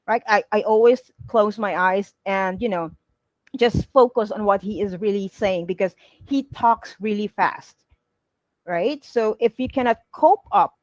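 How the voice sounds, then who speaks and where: A woman teaching a live online class as a coach, explaining step by step with many pauses and frequent checks like "right?" and "okay?". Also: medium pitch, dry recording, dull audio. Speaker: virtual assistant coach.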